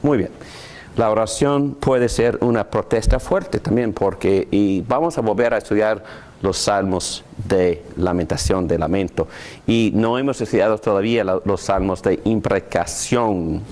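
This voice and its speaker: A man's voice: fairly low pitch, moderate pace. A man teaching a Bible class on prayer, asking his students questions as he goes. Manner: animated, asks the class questions.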